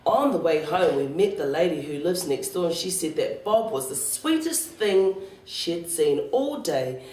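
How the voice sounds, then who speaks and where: A woman storyteller reading a children's picture book aloud with expressive, sing-song delivery. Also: on the low side, measured pace, slight background noise. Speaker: library storyteller. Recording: roomy, distant library recording.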